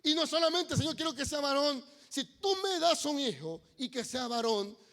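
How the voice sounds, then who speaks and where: A man's voice: very high-pitched, fairly quick, creaky, a bit bright, voice pushed up, heavily acted. A man preaching in Spanish voices a pleading barren woman who prays fervently to God. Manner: fervent, imploring. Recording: long reverb of a church hall.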